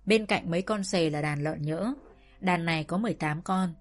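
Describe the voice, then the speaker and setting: A woman reading a first-person story in an even storytelling manner. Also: fairly low pitch, moderate pace.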